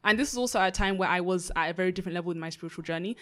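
A woman's voice: lowish voice, racing, a bit bright. A young woman hosting a faith podcast, talking in an upbeat, casual way with frequent praise. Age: young adult. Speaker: podcast host.

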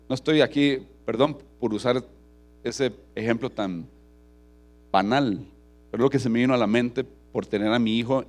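A middle-aged man with a Costa Rican accent, preaching a sermon. He tells personal stories, tags many phrases with "¿verdad?", and builds to loud, forceful emphasis. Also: mid-range voice. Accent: Costa Rican Spanish. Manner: frequent tag question "¿verdad?", storytelling, rising to forceful emphasis. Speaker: pastor.

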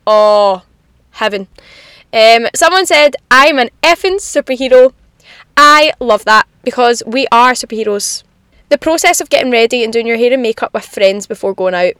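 A young woman chats casually and confidingly as a solo podcast host, in animated girly slang, from inside a parked car in the rain. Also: fairly high pitch, normal speed, clean tone, no room sound, studio quality. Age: young adult.

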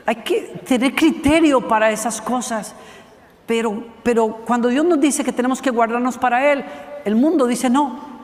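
A man's voice: extremely high pitch, long reverb tail. A man preaching a sermon, telling stories emphatically and asking the audience questions.

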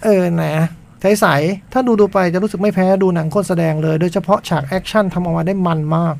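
A man hosting a casual radio show, chatting and teasing his co-host in a relaxed way. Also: sits high, a little fast, creaky. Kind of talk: casual chat.

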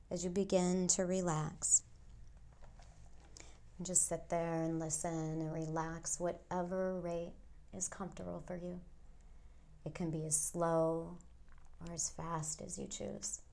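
A woman hypnotist leads a guided relaxation in a soft, hushed voice that sits a little low. She speaks very slowly, leaving long soothing pauses between short phrases, at times close to a whisper. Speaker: hypnotist guiding a relaxation session.

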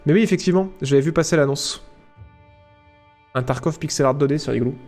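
Playful higher-voiced man streaming. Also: brisk, darkish tone, soft background music. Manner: chatty and playful, tosses in sound effects like "paf" and "bam". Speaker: livestreamer answering chat. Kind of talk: casual livestream chat.

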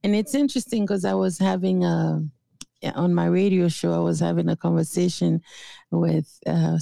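Middle-aged woman therapist from Haiti, unhurried and reflective, full of pauses and restarts. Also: on the low side, vocal fry, mellow, no echo. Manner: thoughtful, with frequent fillers and restarts. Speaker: guest therapist. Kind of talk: interview conversation.

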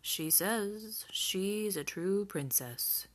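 A woman voicing a kind, fatherly old king who speaks slowly and patiently in a lowered voice. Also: expressive. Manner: slow, low and patient.

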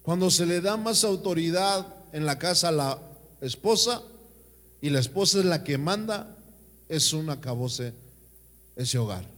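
Emphatic pastor preaching. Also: male voice, mid-range voice. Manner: emphatic, preaching with call-and-response. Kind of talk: sermon. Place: church. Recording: reverberant church hall.

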